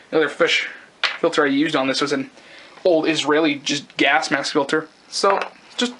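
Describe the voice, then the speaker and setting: A young man giving a casual, unscripted review as a collector, rambling and halting, with casual swearing. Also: high-pitched, pushed and bright. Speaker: gas mask collector and reviewer. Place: indoors, close-up tabletop video.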